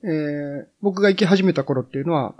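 A middle-aged man talking as a podcast guest, reminiscing in an unhurried way with many drawn-out fillers. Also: a little high, a little mellow. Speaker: guest, editor and cycling journalist. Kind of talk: casual podcast conversation.

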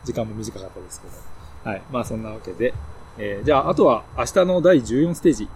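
A man's voice: mid-range voice, quick pace, a little mellow, slight background noise. A man in his thirties co-hosting a podcast, chatting casually and laughing easily, recorded in a hotel room. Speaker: podcast co-host. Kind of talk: casual chat.

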